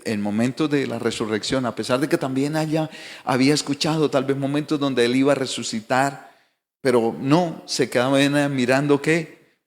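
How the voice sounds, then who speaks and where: A man's voice: mid-range voice, moderate pace. A man preaching from the pulpit, his mid-range voice climbing in emphatic declarations. He asks rhetorical questions of the congregation, and a long hall reverb trails each phrase through the sanctuary. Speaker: pastor. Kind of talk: sermon. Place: church sanctuary.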